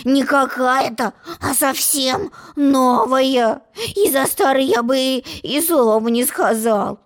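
A woman reading a storybook, voicing a stubborn, boastful little boy who grumbles slowly. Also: high-pitched.

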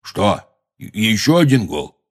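A man voicing a huge, stubborn gamekeeper in an audiobook, with a gruff, blustering way of talking. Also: lowish voice, very animated, slow, heavily acted.

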